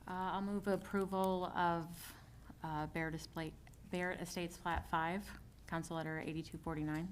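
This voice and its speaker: A council member asking questions and making a motion in a halting way, with filler words. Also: male voice, fairly high pitch, flat delivery, slight background noise. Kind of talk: council meeting discussion.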